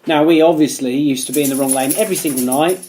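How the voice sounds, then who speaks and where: A man's voice: a little high, fast talker, mellow. Male co-host, casual anecdotal chat, recorded in a roomy space with light noise. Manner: chatty anecdotes, swears, acts out voices in stories. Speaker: podcast co-host. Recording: roomy echo, faint background noise.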